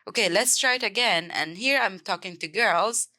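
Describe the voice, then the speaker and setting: A woman from Egypt with an Egyptian accent, teaching a beginner language lesson and clearly repeating each word several times. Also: medium pitch, normal speed, bright, forceful tone. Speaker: Arabic teacher.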